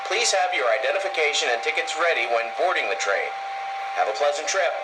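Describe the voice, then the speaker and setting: A man's voice: on the high side, animated, brisk, noisy background. A man making a formal train station announcement, played back through a small model train speaker. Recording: echoey, humming playback from far off.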